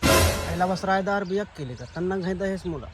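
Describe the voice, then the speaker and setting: Man playing a high-voiced whining town drunk. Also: fairly quick, natural voice. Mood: whining, pleading. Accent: Chhattisgarhi. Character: whining village drunkard, reluctant yet easily tempted. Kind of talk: comedy skit acting. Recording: loud music over the dialogue.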